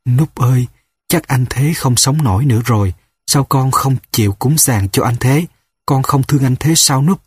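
A man's voice: medium pitch, normal speed, slightly rough, no echo. A man reading the lines of a grieving old village mother, in a plain read-aloud delivery. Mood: pleading.

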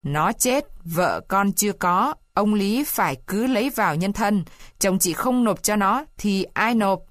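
A pompous male clerk, as a woman narrator reads him who lays out the rules in a loud, officious tone. He speaks as if the matter were obvious. The recording is close and dry. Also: mid-range voice, animated, a little slow, no echo, natural voice. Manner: declaiming, officious. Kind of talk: storybook reading.

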